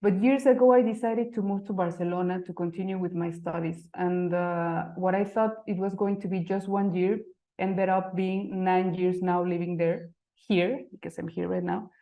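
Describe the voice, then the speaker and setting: A Mexican woman in her thirties, a Spanish speaker with a Mexican accent, gives an English conference talk about her design work in a lecture venue. Her low, warm voice is flat in delivery at normal speed, and she searches for words hesitantly, with frequent fillers, restarts, and non-native phrasing. The recording is rough.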